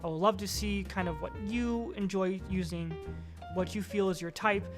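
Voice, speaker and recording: A man's voice: sits high, fairly even intonation, moderate pace, soft background music. A man hosting his own vlog, giving friendly, encouraging advice on acting as an instructional talk. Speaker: acting coach vlogger.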